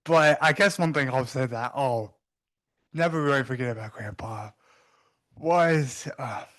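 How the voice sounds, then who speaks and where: Slow young man, laughing through tears. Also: mid-range voice, fairly bright tone. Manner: halting, self-conscious, with nervous laughs. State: laughing and crying at once. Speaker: grandson giving a eulogy. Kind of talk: personal memorial speech.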